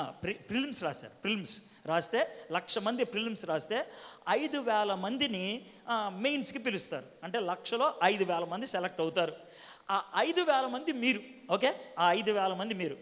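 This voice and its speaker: A man's voice: sits high, a bit bright. A man evangelist answering young people's questions at a conference, preaching with rhetorical questions, pressing the audience for answers, and dropping English words into his talk. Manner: mixes English words into speech. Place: conference hall. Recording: long hall reverb.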